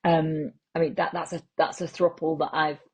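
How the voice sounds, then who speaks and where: A woman with a Lancashire accent hosting a comic podcast, rambling through absurd deadpan asides and calling listeners treasure. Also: sits low, normal speed, breathy edge. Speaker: podcast host.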